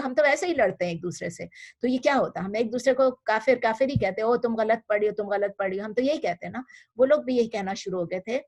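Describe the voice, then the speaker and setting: A woman at a middle pitch lectures in easy, talky Urdu, full of English terms and restarts. She quizzes her listeners and then answers herself. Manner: conversational, mixing English words into Urdu, many restarts and fillers; asks the class questions and answers them. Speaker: Islamic history teacher. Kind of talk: informal online lecture.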